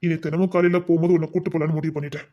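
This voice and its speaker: A man's voice: on the high side, little pitch movement, very fast, dark tone, muffled recording. A man playing a stern, insistent husband who scolds his wife in a colloquial family drama.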